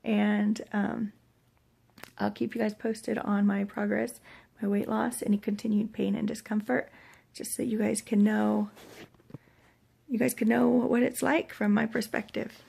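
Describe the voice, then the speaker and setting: Gravelly American woman, weak after surgery. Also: medium pitch, little pitch movement, unhurried, warm tone. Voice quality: gravelly, husky, breathy. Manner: rambling, hesitant, trailing off. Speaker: vlogger sharing surgery recovery. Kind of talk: casual personal vlog. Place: hotel room.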